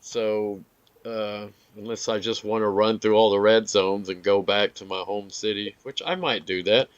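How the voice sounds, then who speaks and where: A man giving relaxed, rambling commentary over his gameplay, with filler words and some hiccups. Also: on the low side, moderate pace, clear, resonant tone, no room sound, dull audio. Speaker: gaming video creator.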